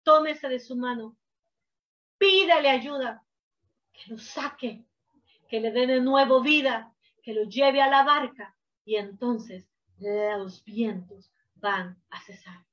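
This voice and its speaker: A woman preacher delivering a sermon, emphatic, swinging from hushed to loud, on a dull lo-fi recording. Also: a little high, slow pace.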